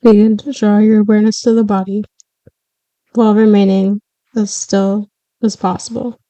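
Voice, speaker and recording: A woman leading a scripted guided meditation as a yoga nidra teacher, giving calm, soothing, measured instructions with pauses. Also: mid-range voice, no echo, rough recording.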